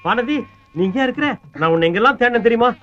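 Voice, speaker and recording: An actor playing a bumbling lovesick young man who schemes and whines in fast comic patter, in a film comedy. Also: extremely high pitch, animated. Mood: scheming. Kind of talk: 1990s film comedy acting. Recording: slightly dull film soundtrack with music.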